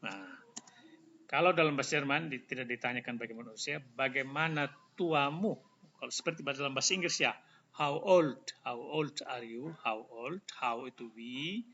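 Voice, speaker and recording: A man teaching a language lesson, pausing and drawing out example phrases so learners can follow along. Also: mid-range voice, sharp tone, muffled recording, slight background noise. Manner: slow, drawn-out example phrases, repeated for learners.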